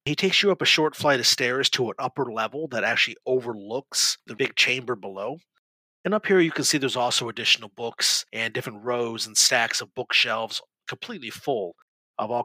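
A man narrating a tabletop game as game master, in steady, descriptive storytelling. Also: mid-range voice, dry recording, low-quality recording.

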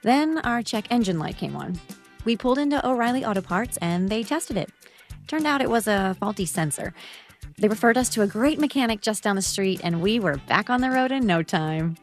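Animated woman telling a customer story. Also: medium pitch, normal speed, soft background music. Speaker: customer giving a testimonial. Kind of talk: conversational advert storytelling.

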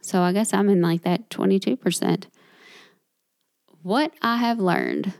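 Woman podcast host, chatty and upbeat, unhurried delivery, dry close sound. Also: medium pitch, creaky, a little mellow, no room sound. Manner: chatty, upbeat, self-deprecating. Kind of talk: solo podcast monologue.

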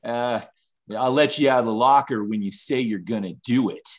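A man playing a taunting, self-important high school bully in a comedy radio play, repeating himself with mocking theatrical relish. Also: natural voice. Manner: mocking, drawn-out, theatrical repetition.

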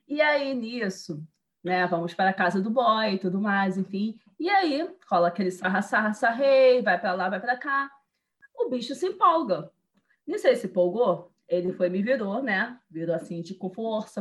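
A woman telling a personal story in casual chat, animated and slangy, laughing as she talks. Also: mid-range voice.

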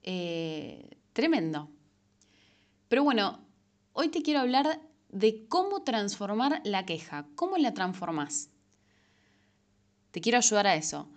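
Young woman, Rioplatense accent, casual self-help vlogger; lively, filler-heavy delivery. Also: medium pitch. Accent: Rioplatense Spanish. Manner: chatty, animated, frequent fillers and self-corrections. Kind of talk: casual advice monologue.

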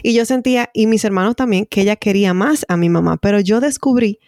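A woman's voice: medium pitch, fast, a little mellow, no echo, studio quality. A middle-aged woman co-hosting a casual chat, speaking in an earnest, explanatory way.

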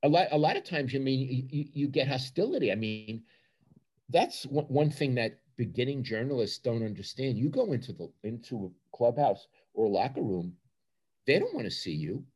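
A man's voice: medium pitch, big pitch swings, moderate pace, darkish tone, husky. An older man with a Brooklyn accent answering interview questions as a sports journalist, with emphatic repetition and short punchy phrases.

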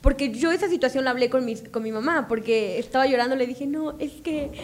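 A woman's voice: high-pitched, fast talker. A young woman co-hosting a podcast, speaking earnestly and laughing easily. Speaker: podcast co-host. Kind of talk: casual chat.

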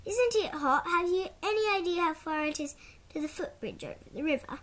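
A woman's voice: very high voice, expressive, brisk, a bit bright, voice pushed up. A woman voicing a cheerful grown man out hiking in a storybook, friendly and hearty.

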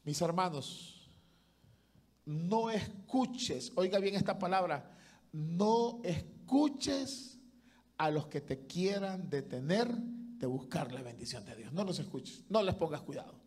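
A man preaching a sermon as pastor, impassioned, swinging between loud calls and hushed asides. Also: a little high, animated, moderate pace.

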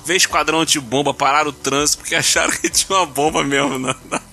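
A man's voice: a little high, fairly even intonation, fast, sharp tone, faint music behind. A man co-hosting a casual podcast, telling anecdotes and laughing through them. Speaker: podcast co-host. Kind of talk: casual chat.

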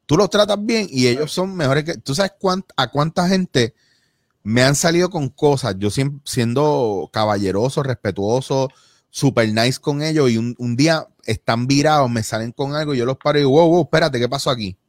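A man's voice: mid-range voice, moderate pace, no room sound, studio quality. A man with a Puerto Rican accent, a guest on a casual podcast, talking bluntly and with feeling and swearing freely. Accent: Puerto Rican Spanish.

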